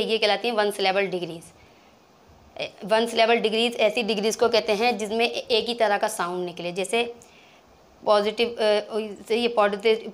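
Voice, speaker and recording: A woman explaining grammar to learners, patiently repeating terms, with frequent pauses and restarts. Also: mid-range voice. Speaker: English grammar teacher.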